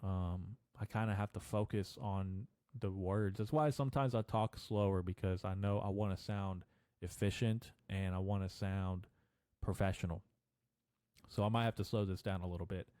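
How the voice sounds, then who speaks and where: A man's voice: low-pitched, fairly even intonation, moderate pace, darkish tone, no echo, clean studio sound. A young man hosting a casual solo podcast, rambling loosely with slang and swearing, with a slight stutter and lisp. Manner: loose and profane, slangy, meandering. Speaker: podcast host.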